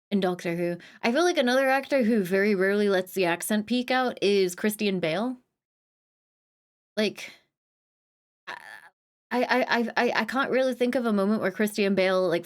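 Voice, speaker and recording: A woman live streamer chatting casually, humming little filler sounds and greeting viewers with bursts of excitement. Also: mid-range voice. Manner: chatty, hums and scats little filler sounds between thoughts.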